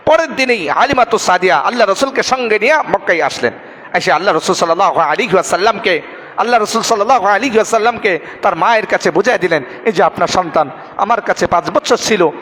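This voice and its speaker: High-voiced man preaching in a hall. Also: fairly bright tone. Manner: dramatic storytelling, acts out quoted speech. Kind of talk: Friday sermon storytelling.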